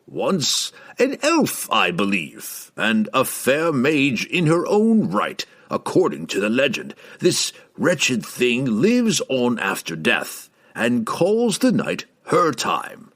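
A man reading aloud, voicing an old male wizard who speaks slowly and ominously. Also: mid-range voice, huge pitch swings, a bit bright, voice pushed up, full character voice. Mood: grave. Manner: slow, measured, ominous delivery.

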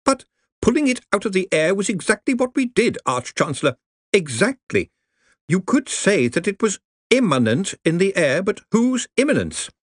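A man doing a fussy, high-pitched young wizard. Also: very animated, normal speed, dry recording, studio quality. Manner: fussy, precise, deferential. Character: nervous, pedantic young male wizard scholar.

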